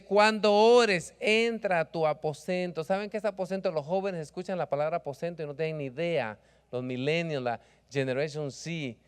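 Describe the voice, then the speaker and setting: A man's voice: on the high side, smooth. A man preaching a sermon in a conversational way, often asking the congregation whether they follow and mixing in English words. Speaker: pastor. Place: church office.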